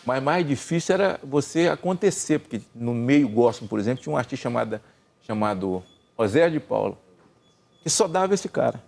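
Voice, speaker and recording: An older Brazilian man telling a long personal story in casual chat, acting out the dialogue with lively swings in his voice. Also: medium pitch, normal speed, gravelly. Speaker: gospel singer and senator telling a story.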